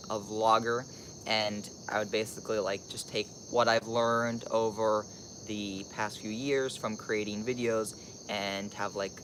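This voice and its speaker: A man's voice: lowish voice, a bit bright, a little hiss or hum, poor audio. A teenage young man from Costa Rica chats casually as a live-streaming vlogger, rambling and thinking aloud with lots of filler "like"s.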